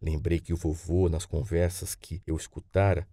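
A man from Brazil narrating an audiobook in first person, measured and expressive. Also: low-pitched, dry recording.

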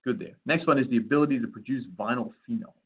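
A man's voice: medium pitch, quick pace, breathy edge. A man giving a casual webinar lecture on winemaking yeasts, loose and conversational, with frequent fillers and restarts. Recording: tinny phone-like audio.

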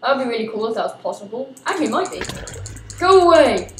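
A young woman, chatting excitedly while recording herself playing a video game. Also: a little high, racing, reverberant, a little hiss or hum, low-quality recording. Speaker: gamer recording gameplay. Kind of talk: let's play commentary.

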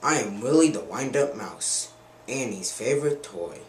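A man's voice: medium pitch, lively intonation, normal speed, close to an everyday voice. A man voicing a cheerful male wind-up toy mouse in a storybook reading, sounding proud and contented, recorded on a distant camera mic in a roomy space.

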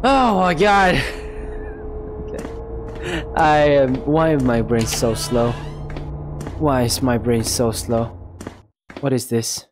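A man's voice: medium pitch, steady tone, slow pace, pauses often. A man streaming a game live, chatting and mocking himself, with sudden screams and laughs. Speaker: gaming streamer. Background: game music.

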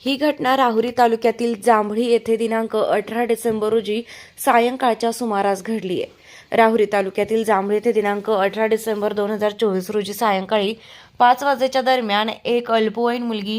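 Woman news reader, slightly high pitch; steady formal delivery. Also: moderate pace. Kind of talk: scripted news narration.

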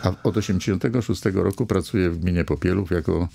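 Close to a desk microphone, an older man from Poland, a village mayor, rambles as a guest in a radio studio interview, pausing often with fillers. His voice is low and warm, carrying a gravelly fry.

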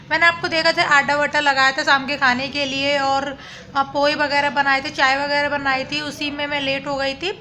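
A woman's voice: high-pitched, pushed and bright, a little hiss or hum. Chatty woman narrating her home vlog. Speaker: vlogger. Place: home kitchen.

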